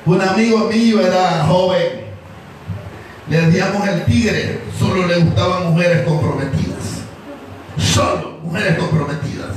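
A pastor preaches by telling a story, slow and drawn out in a slightly high voice. He acts out the people in it and shouts the punchlines. The recording sits far from him in a hugely echoing hall with faint noise behind. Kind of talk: storytelling sermon. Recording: echoey hall, distant mic, faint noise.

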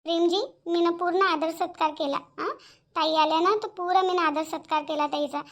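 A woman's voice: extremely high pitch, fairly even intonation, normal speed, a bit bright. A woman voicing a young daughter-in-law in a cartoon, polite and earnest, pleading and explaining herself. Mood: defending. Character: young daughter-in-law, polite but standing her ground. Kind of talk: cartoon voice acting.

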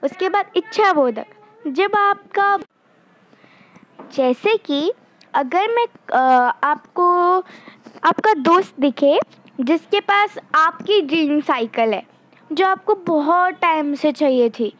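A young woman explaining grammar in a lesson, slowly and clearly, sometimes acting out example phrases. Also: very high-pitched, expressive, fairly bright tone. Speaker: teacher.

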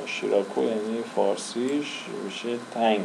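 Low-voiced man teaching slowly. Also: vocal fry, noisy background. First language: Persian. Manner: explains slowly, repeats and drawls example words. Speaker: language teacher. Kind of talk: casual spoken lesson.

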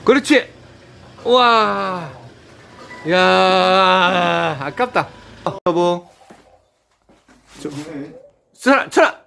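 A man's voice: high-pitched, extremely slow, vocal fry, pauses often, sharp tone, a little hiss or hum. A man instructing and cheering people on during a video game, with short repeated calls and a lot of laughter. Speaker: activity instructor.

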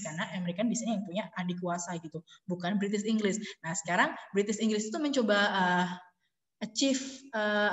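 A woman lecturer explains to a class at an easy pace, switching into English phrases and pausing on fillers. Her voice rings through a classroom with a long echo. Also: medium pitch. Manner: explains in Indonesian mixed with English, many fillers. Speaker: university lecturer. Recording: echoey classroom with long reverb.

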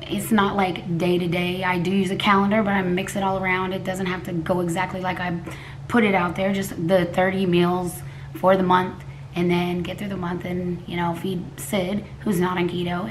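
A hoarse, lowish-voiced woman in her forties from Texas, USA, chats to camera as a cooking vlogger at her table in the living room at home. She rambles, often restarts, coughs and clears her throat, with the camera a few feet away and a faint hiss in the background.

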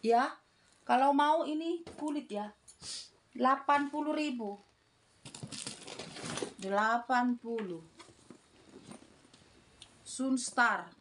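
A woman's voice: high-pitched, extremely slow, long pauses, a little hiss or hum. A middle-aged woman doing casual, repetitive live-selling patter, calling out items and prices. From Indonesia. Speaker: online seller of secondhand bags. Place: small room indoors.

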